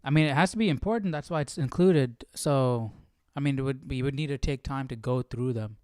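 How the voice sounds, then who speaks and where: This man hosts a livestream for a Bible study series, chatting casually and thinking aloud in a rambling way. His mid-range voice moves fairly quickly and sounds a little mellow, captured at studio quality with no room sound.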